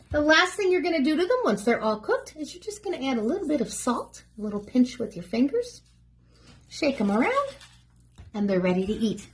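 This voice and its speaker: A children's librarian reading a story aloud while walking kids through a simple snack recipe in a lively sing-song manner, recorded at home for a remote program. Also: female voice, high voice. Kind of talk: storytelling cooking demo for children. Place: home kitchen, remote video.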